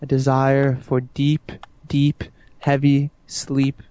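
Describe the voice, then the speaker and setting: This lo-fi, dull-sounding recording captures a hypnotic induction: a man speaks slowly and repetitively in a soothing way to guide someone into sleep. He keeps his mellow, smooth voice low and level throughout.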